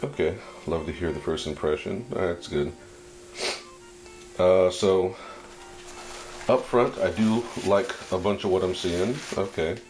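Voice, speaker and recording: Very deep, slow-talking man, casual unboxing commentary. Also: darkish tone, soft background music, low-quality recording. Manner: laid-back, approving, thinking aloud in short halting phrases. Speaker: fragrance reviewer.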